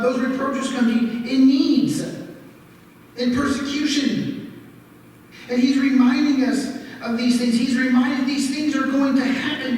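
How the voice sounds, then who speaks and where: High-voiced pastor in an echoey hall. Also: male voice. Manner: personal storytelling, addresses congregation with questions. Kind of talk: sermon. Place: church sanctuary. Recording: echoey church hall from far off, faint noise.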